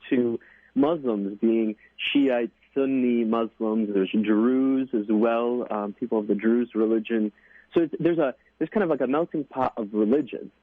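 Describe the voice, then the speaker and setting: A man's voice: mid-range voice, dry recording. A young American man in his twenties, a deacon being interviewed, speaking earnestly with many fillers and restarts. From United States. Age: 20s. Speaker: deacon, guest. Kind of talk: interview on radio. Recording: dry tinny phone line.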